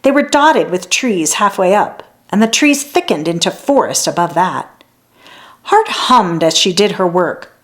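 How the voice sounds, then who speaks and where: In a fairly low-pitched voice, a woman narrates a children's tale as a read-aloud, shaping each line with deliberate expression.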